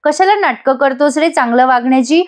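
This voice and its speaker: Woman doing a sharp-tongued young wife. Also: sits high, a little fast, pitched above the performer's own voice, natural voice. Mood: bickering. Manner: bickering, sarcastic retorts.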